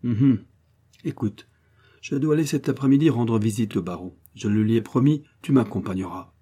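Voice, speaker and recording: A man's voice: medium pitch, normal speed, breathy edge, close to an everyday voice. A man voicing a haughty, hot-tempered Russian prince who gives orders and rages in a storybook reading. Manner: imperious, shouting in fury.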